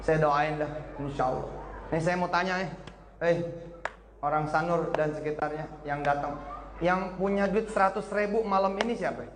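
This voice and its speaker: A somewhat high-voiced male preacher, spinning humorous stories and slipping into voices for each character. He is caught in an echoey hall, with loud ambient noise around him. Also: normal speed. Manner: lively storytelling, acts out dialogue in voices, joking. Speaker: Islamic preacher. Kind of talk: humorous sermon to a live congregation. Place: evening gathering before an audience.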